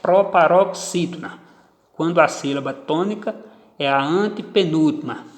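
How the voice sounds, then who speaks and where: A man teaching a grammar lesson, stressing each example word slowly and deliberately. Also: a little high. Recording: echoey room with long reverb.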